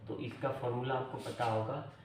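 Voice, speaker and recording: A man's voice: medium pitch, little pitch movement, moderate pace, slight background noise. A man from India teaching a physics lesson at a board. He keeps asking questions and answering them himself. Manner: asks and answers his own questions, repeats "theek hai". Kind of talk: blackboard lecture. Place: classroom with a board. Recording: roomy echo, voice from a distance.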